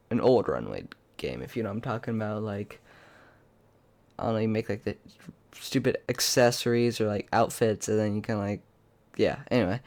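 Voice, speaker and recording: A young male YouTuber with a mid-range, darkish voice is sick with a cold, which makes him sound congested and pinched-nosed. His video commentary is casual, opinionated, rambling, and blunt.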